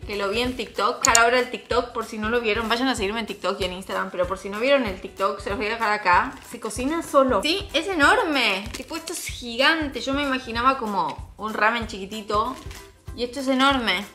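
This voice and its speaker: A young Argentine vlogger tells her viewers a story in a casual, slangy, animated way, her Spanish accent clear. Her voice is fairly high and quick, with faint music in the background.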